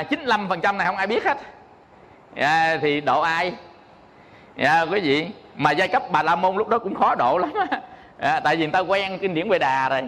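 High-voiced monk teaching in an echoey hall. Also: male voice, fairly bright tone. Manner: explanatory, often asks "hiểu không?", many "à" fillers. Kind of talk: dharma talk to an audience.

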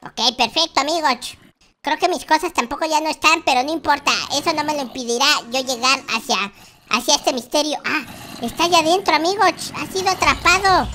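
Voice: sits high, fairly quick, pushed and bright. A performer voicing a timid but boastful baby noob boy in a Minecraft gameplay video, talking in childish baby talk with a lisp. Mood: nervous. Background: faint background music.

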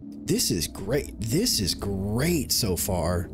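Speaking extremely slowly, this man's voice is on the low side and swings a lot in pitch. He's a gaming video host in his thirties, offering relaxed, jokey commentary on his play, frequently repeating himself and swearing. The setup is indoors, with a close desk mic and headset and game music underneath.

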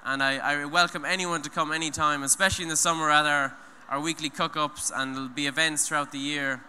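A young man from Ireland, speaking at an eco event, rambles sincerely on stage in a large hall into a handheld mic, restarting often and saying "you know". His voice is fairly high, steady, bright and forceful, and he talks fairly quickly. There's faint noise and a long reverb from the hall.

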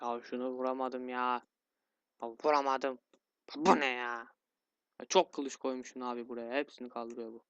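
A man's voice: mid-range voice, flat delivery, moderate pace, a bit bright, clean tone, no room sound, dull audio. A man commentating his own gameplay, grumbling and getting easily frustrated, with sighs and yelps. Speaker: gaming YouTuber. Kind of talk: let's play commentary.

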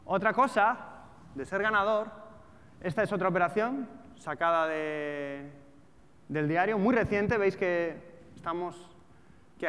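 His voice runs on the high side with a fairly bright tone. This thirty-something trader and trading educator, who has a European Spanish accent, delivers a colloquial, informal talk heavy on rhetorical questions to a live audience in a large auditorium, captured in an echoey hall with background noise.

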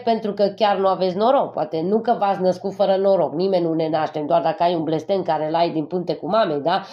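A woman from Transylvania reads tarot cards for her viewers in a lowish, warm voice, slightly congested from a cold. She talks to them affectionately and tags her points with a questioning "yes?". The recording sounds dull and lo-fi. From Transylvania, Romania. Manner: addresses viewers fondly, constantly checks in with a questioning "yes?". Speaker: tarot card reader. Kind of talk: general tarot reading to viewers.

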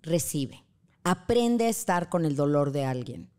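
Low-voiced woman explaining grief gently. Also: sing-song, unhurried, clean tone. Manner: warm storytelling, acts out quoted voices. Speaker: grief counselor guest. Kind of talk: casual podcast conversation.

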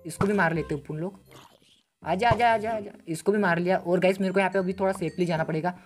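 A man giving Let's Play gameplay commentary as a gaming channel host, excitable and full of slangy exclamations. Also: high-pitched, quick pace, faint music behind.

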